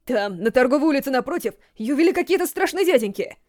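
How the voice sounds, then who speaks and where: A woman voicing a frightened young schoolboy who speaks high and urgently, close to tears. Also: lively intonation, quick pace, a little mellow, no room sound.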